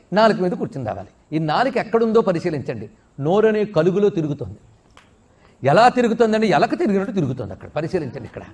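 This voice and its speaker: A middle-aged man giving a religious discourse, explaining through questions he answers himself and slowly chanting Sanskrit verses. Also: high-pitched, a little mellow. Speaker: spiritual discourse speaker.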